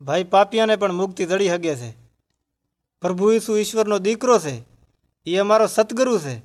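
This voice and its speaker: Earnest high-voiced man explaining faith. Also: lively intonation, normal speed. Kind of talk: scripted evangelistic dialogue.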